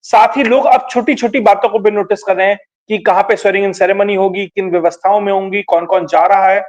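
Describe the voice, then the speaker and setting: A man giving political commentary in a measured, explanatory way, pausing often on fillers. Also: high-pitched, fairly even intonation, darkish tone, dull audio.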